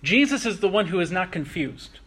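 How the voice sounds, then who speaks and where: A man preaching a sermon, earnest and reflective, slowing down to stress key phrases. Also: sits high, very animated, fairly bright tone, husky. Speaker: pastor.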